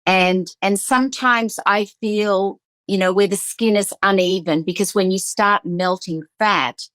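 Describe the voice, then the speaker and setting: Speaking at an unhurried pace in a mid-range, fairly bright voice, a woman esthetician hosts a podcast in a dry recording. Fired-up and emphatic, she repeats words when pressing a point.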